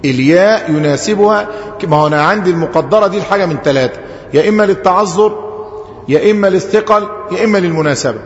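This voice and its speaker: A man with an Egyptian accent teaching a grammar lesson as an Islamic scholar. He stretches out quoted verses slowly and puts rhetorical questions to his class. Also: high voice. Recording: echoey hall, dull muffled audio.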